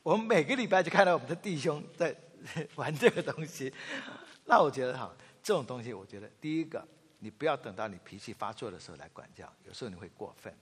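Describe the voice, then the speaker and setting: A man in his fifties giving a sermon, telling family anecdotes in an animated way and acting out the quotes. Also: mid-range voice, fast talker, husky. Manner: storytelling, animated, acts out quotes. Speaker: pastor. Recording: long reverb of a large hall.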